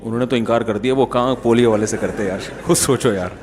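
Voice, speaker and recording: A man's voice: medium pitch, a little mellow, slight background noise. A middle-aged man with a Pakistani Urdu accent giving a conversational sermon, telling jokey anecdotes and acting out the dialogue. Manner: jokey storytelling, acts out dialogue. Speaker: Islamic preacher. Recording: long hall reverb.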